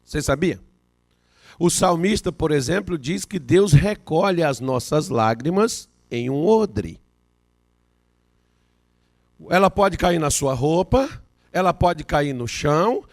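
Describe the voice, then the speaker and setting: A man preaching a sermon as pastor, telling a counseling story and building to loud, fervent peaks. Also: high-pitched, no echo. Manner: acts out both sides of a counseling story.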